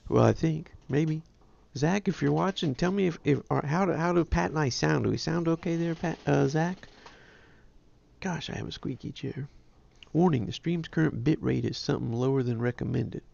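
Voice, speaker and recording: Nasal, gravelly-voiced man. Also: fairly high pitch, normal speed, a little mellow, muffled recording. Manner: rambling, self-deprecating. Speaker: ham radio livestream host. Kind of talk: casual chat.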